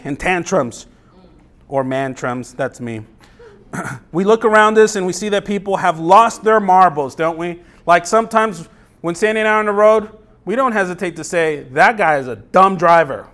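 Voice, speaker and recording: Casting: male pastor, high-pitched voice, relaxed and chatty sermon, rhetorical questions. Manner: conversational preaching with rhetorical questions and acted-out quotes.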